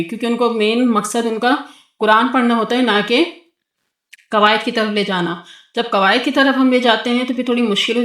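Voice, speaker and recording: A woman's voice: on the high side, fairly bright tone, roomy sound. A woman teaching Quranic letter pronunciation to a child, patiently explaining and stretching out sung syllables for the child to repeat. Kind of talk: tajweed lesson with a child.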